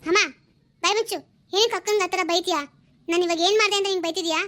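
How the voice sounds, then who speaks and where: A woman's voice: very high voice, fairly even intonation, fairly bright tone, no room sound. Woman voicing a cheeky cartoon daughter. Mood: defiant. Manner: pleading, quick to talk back. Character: young unmarried daughter, cheeky and defiant. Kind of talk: cartoon family drama.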